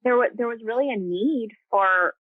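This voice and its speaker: A woman's voice: a little high, moderate pace, no room sound. Woman on a tinny video call. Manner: earnest, with frequent fillers and restarts. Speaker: guest, rescue co-founder. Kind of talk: casual video-call interview. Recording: tinny phone-like call audio.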